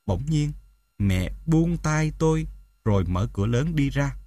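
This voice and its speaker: A man narrating a first-person audiobook in an expressive, dramatic way. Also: mid-range voice, a little slow, no room sound, clean studio sound.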